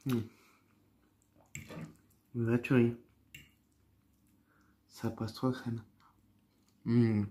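A man's voice: medium pitch, little pitch movement, extremely slow, pauses often, mellow, slight background noise. A man tasting food on camera and talking while chewing, with murmured, appreciative asides between bites. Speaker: food vlogger. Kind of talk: casual tasting commentary.

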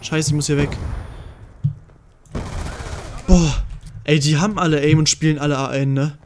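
Young male gaming host, fairly high voice, excitable live play-by-play, faint hiss behind. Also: fast talker. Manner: excitable, swings from muttering to shouting. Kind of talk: live gameplay commentary.

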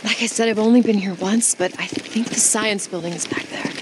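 A woman's voice: mid-range voice, steady tone, fairly quick, lightly acted. Woman acting wary American survivor, noisy backdrop. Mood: wry, reflective. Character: wary, practical female scientist surviving the apocalypse. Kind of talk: video game acting. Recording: clear background game noise. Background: game ambience.

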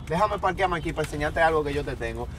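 Loud, lively man in a car. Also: on the high side, fast, soft background music. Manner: loud, animated, teasing, shouts often. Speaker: content creator. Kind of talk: excited playful banter. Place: inside a car.

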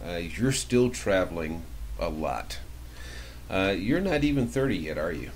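A man hosting a talk radio show, asking his guest measured, leading questions. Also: sits low, big pitch swings, a little hiss or hum.

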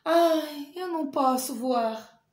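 A woman's voice: sits high, slow pace. A woman voicing a small, wistful male snail in a storybook reading, with sighing complaints in an echoey room.

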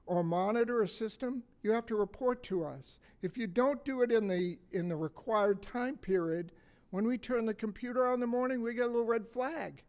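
Standing at a podium stand mic, a man in his sixties from Massachusetts, USA, delivers a conference talk to a live audience. His voice is slightly raspy, a little mellow, and high-pitched for a man. He talks bluntly and folksily, cracking jokes and posing questions to the room.

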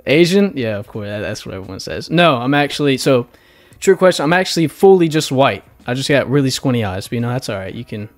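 A man's voice: medium pitch, very animated, quick pace. A man with a Southern US accent, a dating show contestant who rambles and gets sidetracked in casual voice chat. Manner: rambling, talkative, easily sidetracked.

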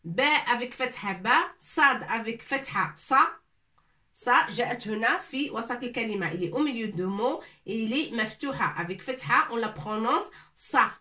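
A woman teaches letter sounds slowly, repeating each one and checking that students follow. Her voice is bright and slightly high. She sounds set back from the microphone. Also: expressive. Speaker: Arabic teacher. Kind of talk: slow whiteboard language lesson. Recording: voice from a distance.

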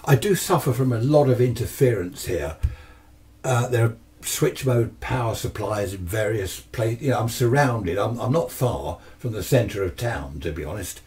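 Rambling with asides and questions to himself, an older amateur radio hobbyist, 60s or 70s, chats casually through an unscripted video demonstration. He has a southern English accent and a lowish, slightly mellow voice that is expressive and moderately paced. He's recording in a cluttered indoor radio workshop at home.

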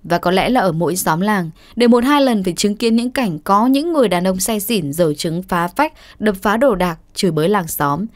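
A woman's voice: mid-range voice, animated, moderate pace, hardly any pauses. A woman reading a scripted news report as the narrator.

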